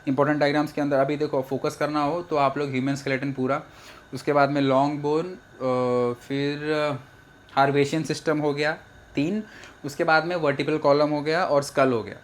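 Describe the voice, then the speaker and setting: Young male tutor, slightly high voice, loose joking delivery, casual lecture read. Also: little pitch movement, moderate pace. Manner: chatty, joking, mixes English phrases into Hindi. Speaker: biology teacher. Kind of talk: casual exam-prep lecture.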